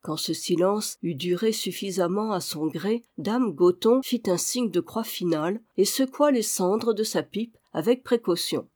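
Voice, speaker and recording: A reader narrating a historical adventure novel in a measured way. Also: medium pitch, darkish tone. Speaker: audiobook reader. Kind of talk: scripted narration.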